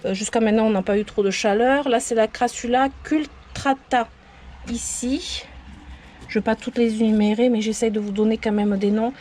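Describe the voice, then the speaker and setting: A woman's voice: on the high side, steady tone, moderate pace, a little mellow. A woman giving a casual tour of her potted succulents outdoors, rambling and often unsure of the plant names. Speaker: plant vlogger. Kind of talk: casual show-and-tell tour.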